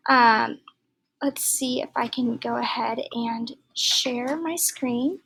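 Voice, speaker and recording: A woman teacher walks through a grammar lesson at an unhurried pace. Her voice sits a little high, and she explains patiently, with soft asides and small fillers. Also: husky, poor audio. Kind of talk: recorded online grammar lesson.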